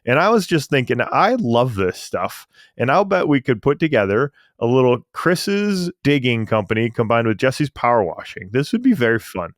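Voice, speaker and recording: A man co-hosting a casual podcast, chatty and quick to laugh, restarting his sentences as he talks. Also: medium pitch, sing-song, dry recording, studio quality. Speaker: podcast co-host.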